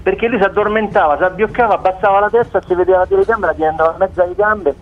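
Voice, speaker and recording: A man with a Roman Italian accent telling a casual anecdote in animated, colloquial, sweary style, repeating his words as he goes. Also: high-pitched, very fast. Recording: tinny, narrow phone-like line.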